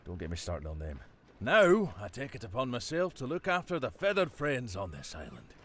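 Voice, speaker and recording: Crab McCready, boastful Scottish ferry captain. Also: male voice, mid-range voice, wildly swooping pitch, normal speed, fairly bright tone. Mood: enthusiastic. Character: boastful Scottish ferry captain, bird-loving, brash man. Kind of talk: voiced game dialogue.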